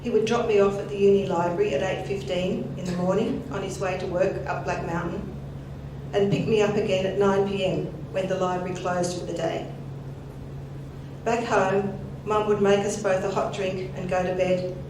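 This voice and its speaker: An older woman reads a prepared memorial tribute in a measured, plain-spoken way. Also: mid-range voice, steady tone. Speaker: speaker at a family memorial. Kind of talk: read psalm and prepared eulogy. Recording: very echoey hall, distant mic, noisy.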